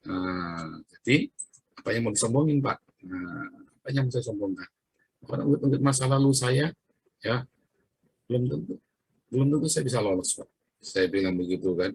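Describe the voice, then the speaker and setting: A man's voice: medium pitch, lively intonation, moderate pace, vocal fry, pauses often, darkish tone, husky, dry recording. A man preaching a casual, conversational sermon, chatting with his listeners and laughing often between remarks.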